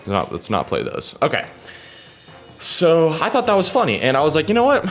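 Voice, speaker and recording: A man's voice: a little high, huge pitch swings, normal speed, fairly bright tone, faint music behind. A teenage boy rambling through a story while playing a video game, breaking off to trash-talk opponents. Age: teens. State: keeping voice down so his sleeping father won't hear. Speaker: gaming video creator.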